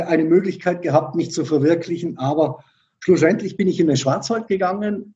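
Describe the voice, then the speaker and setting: This middle-aged South Tyrolean, a tourism director appearing on a podcast, gives conversational answers, working through his explanations with plenty of fillers and false starts. He has a slightly high, dark-toned voice, and the sound is lo-fi.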